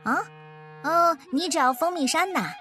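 A woman voicing a loud, busy dog in a storybook, gruff and offhand. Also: high voice, unhurried, soft background music, pitched above the performer's own voice.

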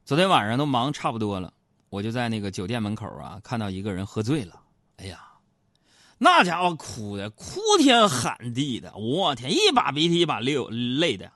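A man's voice: mid-range voice, moderate pace, no room sound, studio quality. A young man with a Northeastern Mandarin accent performing a chatty comic storytelling monologue and acting out the characters. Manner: chatty, animated, acts out characters. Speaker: stand-up comedian.

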